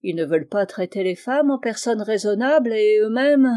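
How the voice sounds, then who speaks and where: A prickly, flirtatious spinster with a sharp, piping voice, as a woman reading aloud puts her on. She teases and takes offense quickly, her voice jumping up and getting loud. Audiobook reading. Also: lively intonation. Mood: gossipy. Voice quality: sharp, high-pitched voice. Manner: teasing, quick to take offense. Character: shrill, tart, flirtatious spinster.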